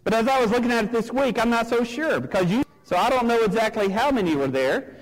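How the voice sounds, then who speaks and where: A man's voice: very high voice, expressive, fast talker, in a large hall, low-quality recording. A man preaching a sermon to his congregation in an emphatic, repetitive cadence. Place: church sanctuary.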